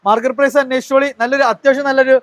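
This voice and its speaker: A man's voice: very high-pitched, flat delivery, racing, dry recording. A man hosting a promotional car walkaround, mixing English words into his in enthusiastic sales patter full of tag questions. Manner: mixes English words into Malayalam. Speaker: video host presenting used cars.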